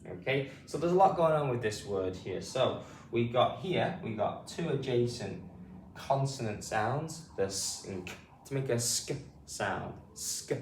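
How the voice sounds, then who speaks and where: A man's voice: mid-range voice, lively intonation, unhurried, recorded from a distance, slight background noise. A man with a British accent teaching phonics, sounding words out letter by letter and checking in with "okay?". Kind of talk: slow spelled-out phonics lesson. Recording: echoey room, a bit off-mic, faint ambience.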